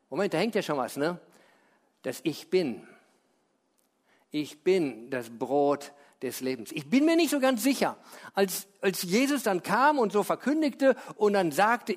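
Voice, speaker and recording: A man preaching a sermon as pastor, chatty and conversational, slowing and dropping low when he quotes scripture. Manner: lively, conversational preaching with tag questions.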